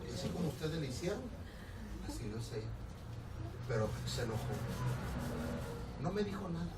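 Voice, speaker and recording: A Mexican pastor preaches with a lively, high-leaning voice that swings widely as he tells his story. He acts out the people in it, laughs often, and keeps the energy up. The sound is roomy and picked up from a distance, with clear noise behind him in the church hall. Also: moderate pace. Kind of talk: storytelling sermon.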